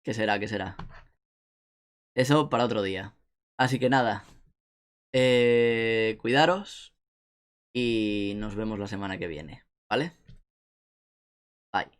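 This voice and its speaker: A man's voice: on the low side, slow pace, long pauses, clear, resonant tone. A young man from Spain with an Asturian accent, chatting casually on a live stream and reading chat messages aloud with a joking tone. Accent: Asturian Spanish.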